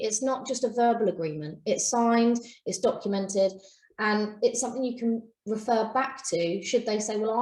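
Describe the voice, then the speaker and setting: A woman's voice: fairly high pitch, darkish tone. Firm woman in an echoey room. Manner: firm, practical advice-giving. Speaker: podcast co-host. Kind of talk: casual business podcast advice.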